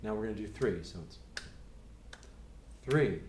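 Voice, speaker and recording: A middle-aged man teaching a piano rhythm lesson, counting beats aloud in a calm, patient way. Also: fairly low pitch, a little slow. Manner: calm, patient, counts steadily and talks the class through exercises. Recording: echoey room with faint noise.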